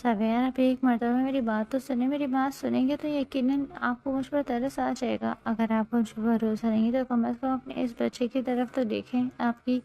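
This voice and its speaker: Brief: woman doing a weeping young wife, gravelly, warm and dark. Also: a little high, steady tone, hardly any pauses, low-quality recording. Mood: desperate. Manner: pleading, tearful delivery. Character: tearful young wife begging forgiveness.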